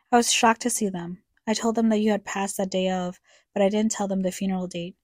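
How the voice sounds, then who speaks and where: Young woman narrator for a grief podcast: mellow, dry close voice, reflective and somber. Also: medium pitch, no room sound. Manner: somber, reflective, addressing her late mother. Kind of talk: scripted personal narration.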